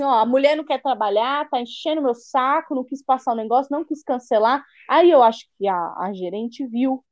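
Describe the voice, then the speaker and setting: A woman's voice: a little high, no echo. A young woman hosting a casual chat, telling a heated story and acting out the lines of other people in it, with some swearing. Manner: animated, swears, acts out quoted dialogue. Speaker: podcast host.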